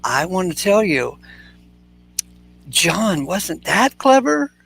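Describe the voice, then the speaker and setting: A man's voice: sits high, very animated, slow pace, gravelly, a bit bright, slightly rough. A man in his sixties hosting a casual chat, talking bluntly and with energy, swearing freely. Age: 60s. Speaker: host.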